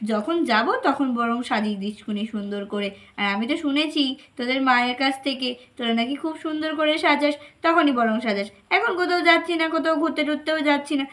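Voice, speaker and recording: High, bright woman telling a doll story. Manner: lively, fussing, affectionate scolding. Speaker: storyteller host. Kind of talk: doll play storytelling for children.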